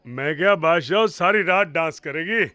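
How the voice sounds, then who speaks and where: An actor playing an ingratiating middleman who flatters a powerful client. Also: on the high side, normal speed, clear, resonant tone, no echo. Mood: wheedling. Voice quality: ingratiating, wheedling.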